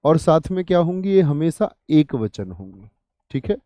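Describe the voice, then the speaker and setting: A man teaches a Hindi grammar lesson for exam prep, posing questions and answering them himself and calling his students "bhai sahab" and "dost", brother and friend. His voice is on the high side, very animated and mellow, at a moderate pace. The recording is studio quality with no room sound.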